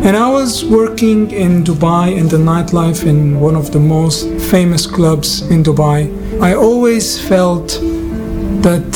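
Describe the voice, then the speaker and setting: A man from Lebanon, earnestly telling his personal testimony in plain words with small grammar slips. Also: fairly high pitch. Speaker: testimony speaker. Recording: clear music bed behind voice. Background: music.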